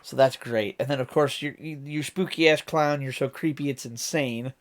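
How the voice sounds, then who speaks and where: A man's voice: mid-range voice, steady tone, normal speed, slight background noise. A man from Ohio with an American accent, hosting a reaction video and explaining lyrics in a casual, rambling way as he thinks aloud. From Ohio, United States.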